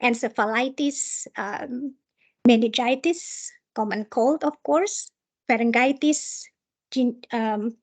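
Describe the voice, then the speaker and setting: A woman with an Indonesian accent giving a training lecture over slides, speaking haltingly as she searches for words. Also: on the high side, slightly rough.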